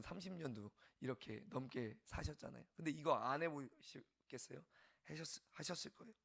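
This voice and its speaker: A male pastor giving an early-morning revival sermon, passionate, swinging from loud exclamations to hushed near-whispers. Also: on the high side.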